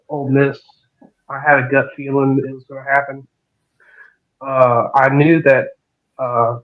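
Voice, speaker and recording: A man calling into a casual sports chat show, his voice muffled by an earpiece and full of hesitant filler sounds. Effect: muffled, bass-heavy sound from a covered earpiece. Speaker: caller. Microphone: phone call earpiece.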